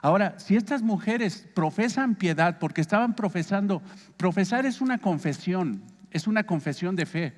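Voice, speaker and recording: A pastor with a Mexican Spanish accent leads a Bible study conversationally, asking his congregation questions. His voice sits high with lively intonation at a moderate pace, heard in a large hall.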